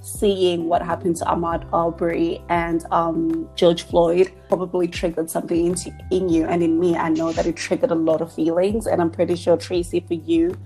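Measured woman from Zimbabwe, podcast co-host, low pitch, casual chat. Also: flat delivery, dark tone, soft background music.

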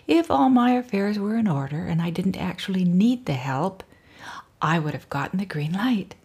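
A middle-aged woman reading aloud from her own memoir in a wry, dryly humorous way, often dropping into soft whispers. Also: on the low side, animated, normal speed, slightly rough. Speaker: author reading her book.

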